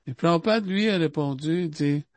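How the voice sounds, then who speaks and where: A man's voice: fairly high pitch, dry recording. A man with a Québécois accent giving an informal spiritual talk. He speaks conversationally, with lots of asides and repetitions. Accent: Québécois French. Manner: conversational, repeats itself and fills pauses with asides.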